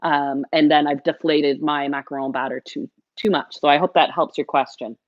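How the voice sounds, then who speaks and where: A woman's voice: low-pitched, fairly even intonation, normal speed, no echo, muffled recording. A middle-aged woman hosting a live baking lesson, chatting and cheering on viewers as she works in her kitchen. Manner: chatty and encouraging, talks to viewers directly. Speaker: baking show host.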